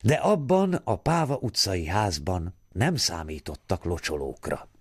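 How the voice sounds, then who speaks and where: Male audiobook narrator, low pitch, very animated delivery, dry close-mic studio sound. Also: husky, dry recording. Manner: expressive, voices quoted women with raised pitch. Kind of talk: literary audiobook reading.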